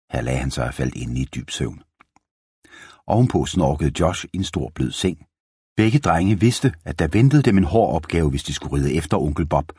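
Deep husky man reading a story. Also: no room sound, clean studio sound. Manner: calm, steady reading, dramatic drops. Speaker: narrator.

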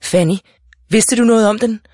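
A man voicing a frantic, heavily pregnant mother in labor, shrill and breathless, in a storybook reading. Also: a little mellow, no echo, studio quality, lightly acted. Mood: alarmed, scolding.

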